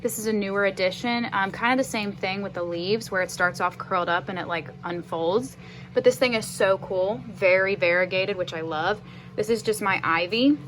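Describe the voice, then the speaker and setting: A woman's voice: mid-range voice, normal speed, fairly bright tone. A woman vlogger giving a casual, upbeat tour of her houseplants around her condo, talking with lots of fillers. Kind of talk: casual home plant tour. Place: her condo, moving between indoors and outside.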